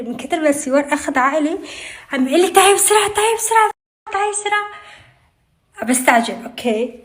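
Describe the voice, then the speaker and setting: Quick, high-voiced Levantine woman vlogging. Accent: Levantine Arabic. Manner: chatty, fast and playful, often trailing off softly. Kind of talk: casual vlog talk to camera.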